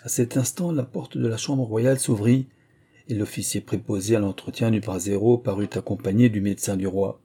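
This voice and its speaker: Man, historical tale narration, measured pace, low pitch, husky. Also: dark tone. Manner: measured literary reading.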